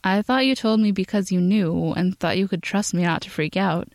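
A woman voicing an anxious, lonely male inventor who talks roughly and hesitantly, in a storybook reading. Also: mid-range voice, normal speed, darkish tone, no echo, close to an everyday voice. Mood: earnest.

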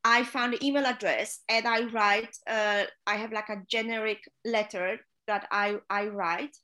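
Unhurried and forceful, a chief stewardess from Poland gives direct, heartfelt career advice during an interview, her non-native English carrying a Polish accent and frequent fillers. Her mid-range voice is bright and steady.

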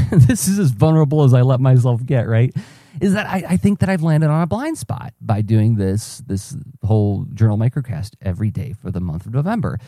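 Dark-voiced man musing aloud. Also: mid-range voice, no room sound, clean studio sound. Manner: musing, self-questioning, frequent fillers and restarts. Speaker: podcaster and cartoonist. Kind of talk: reflective solo journal podcast.

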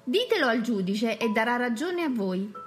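Quick-witted cheerful young country woman read by a woman, animated delivery, faint music. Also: on the high side. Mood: playful. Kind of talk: audiobook character voice.

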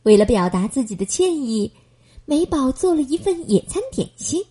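A woman reading a children's bedtime story aloud in a gentle, expressive manner. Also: high voice, moderate pace, husky.

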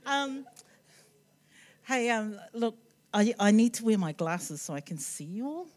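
A woman's voice: on the high side, expressive, a little slow, a little mellow. A woman with a Māori-influenced New Zealand accent giving an informal sermon, hesitant and conversational with self-deprecating asides. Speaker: guest preacher.

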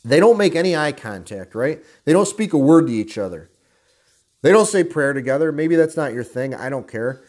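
A man's voice: fairly high pitch, lively intonation, normal speed, darkish tone. A man giving an intense, profane motivational rant, blunt and angry, calling his listeners guys. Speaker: motivational speaker.

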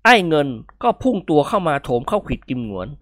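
A man narrating a comic story aloud in a lively, expressive reading. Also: on the high side, quick pace, no echo, studio quality.

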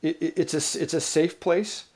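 A middle-aged man being interviewed who talks loosely, with frequent restarts and lively anecdotes. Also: fairly high pitch, normal speed, husky. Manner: rambling, restarts often, lively storytelling. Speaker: interview guest. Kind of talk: casual conversational interview.

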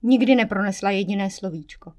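A woman's voice: mid-range voice, a little mellow. Woman narrating an audiobook, wry first person. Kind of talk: scripted narration.

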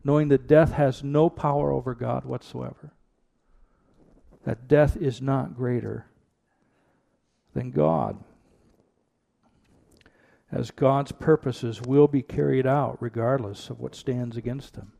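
A man preaching at a pulpit microphone, his voice gravelly and mellow. He delivers an earnest church sermon and drives his points home with repeated rhetorical questions. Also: mid-range voice, slow, long pauses. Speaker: pastor. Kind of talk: sermon with prayer and scripture reading.

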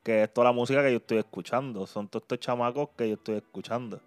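A man's voice: medium pitch, fairly even intonation, fast, clear, resonant tone, no echo, faint music behind. A man hosting a casual interview, who mostly gives short replies and sums up what his guest says. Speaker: podcast host.

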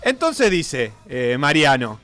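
A man's voice: mid-range voice, slow pace, soft background music. A man telling football history as a casual co-host, reading quotes aloud with flair. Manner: animated, reads quotes aloud with dramatic flair. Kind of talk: casual radio-style storytelling.

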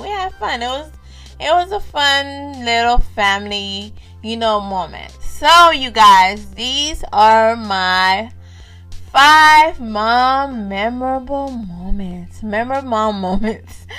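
A woman's voice: mid-range voice, bright, forceful tone. A woman in her thirties, a mother hosting a parenting vlog, telling family stories to viewers in a casual way and repeating her phrases.

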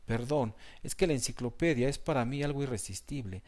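A man's voice: medium pitch, a little fast, a little mellow, voice pushed up, natural voice. Sabelotodo, a man voicing a fretful know-it-all cat. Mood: eager. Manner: frantic, repeats "terrible".

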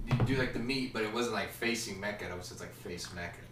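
A man chatting casually on a podcast, slangy and quick to laugh. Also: fairly low pitch, roomy sound, background noise. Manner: slangy, laughing, uses "bro" and "dude". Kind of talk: casual joking chat.

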